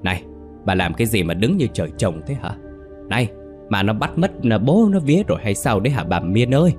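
Man doing a gruff scolding village husband. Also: lowish voice, lively intonation, moderate pace, faint music behind, close to an everyday voice. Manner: brusque, scolding.

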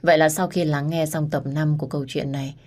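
A woman's voice: low-pitched, fairly even intonation, fast talker, darkish tone. A woman narrating an audio story and talking earnestly to her listeners as host. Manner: intimate, earnest, addresses listeners directly.

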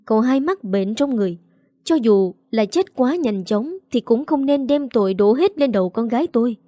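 A woman's voice: fairly high pitch, expressive, normal speed, mellow, no room sound, clean studio sound, lightly acted. A woman doing an indignant, humiliated father. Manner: forcing down anger, protesting. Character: angry, humiliated father, middle-aged man.

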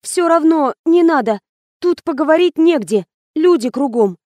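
A woman's voice: sits high, expressive, moderate pace, mellow, dry recording, voice pushed up. A woman voicing a nervous young makeup artist who speaks in a trembling, hesitant voice. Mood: nervous, frightened.

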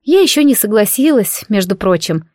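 A woman voicing a dreamy, playful young light witch who talks in a chatty, coy, drawn-out way. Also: mid-range voice, sing-song, mellow, no echo, clean studio sound, natural voice.

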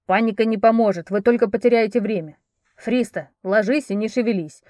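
A woman voicing a calm, commanding young prince. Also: on the high side, a little fast, dry recording, clean studio sound, close to an everyday voice. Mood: firm calm. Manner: firm, calming, instructing. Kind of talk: audiobook character voicing.

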